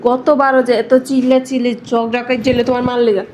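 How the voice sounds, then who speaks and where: A woman playing a shrill spiteful young wife. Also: normal speed, slight background noise, close to an everyday voice. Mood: scornful. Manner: shouting, insulting, scornful. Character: spiteful shrill young wife, bullying her mother-in-law.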